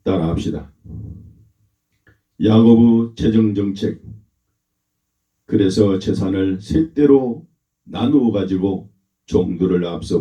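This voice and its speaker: A man, a pastor, delivering a sermon in a slow, emphatic way and asking the congregation to repeat after him. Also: sits low, warm tone. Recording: roomy, dull lo-fi church recording.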